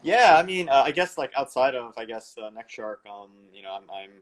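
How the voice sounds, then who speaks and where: A man's voice: mid-range voice, sing-song, fairly quick. A man in his thirties from the San Francisco Bay Area answering interview questions over a video call, rambling casually with many fillers and restarts. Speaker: guest, company founder.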